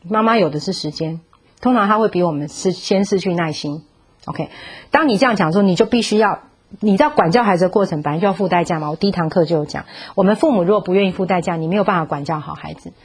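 A woman's voice: on the low side, fast talker, slightly rough. A woman teaching a parenting class, talking in an earnest, firm way and acting out how to speak to children.

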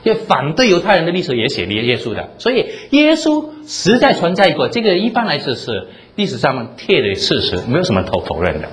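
A man preaching a sermon, animated, asking the room rhetorical questions and quoting scripture in dramatic voices. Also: a little high, fairly quick, hardly any pauses. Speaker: pastor.

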